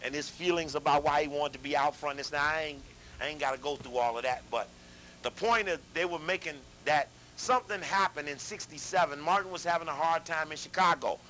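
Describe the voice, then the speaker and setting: A man lecturing a live audience, animated, asking them questions and repeating himself as he talks. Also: on the high side, brisk, a little hiss or hum, rough recording. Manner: animated, addresses audience directly, repeats and restarts.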